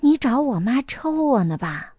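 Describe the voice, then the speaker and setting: A woman's voice: high voice, big pitch swings, unhurried, dark tone, no room sound, clean studio sound, full character voice. A woman voicing a wry man who explains himself in a hurry. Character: wry, worried man in a divorce.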